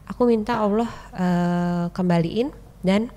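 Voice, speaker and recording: Animated woman telling her story. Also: unhurried. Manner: animated, acts out quoted people with sharp jumps in pitch and loudness; chatty, keeps addressing the host as "Mas". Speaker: podcast guest. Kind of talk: casual storytelling chat.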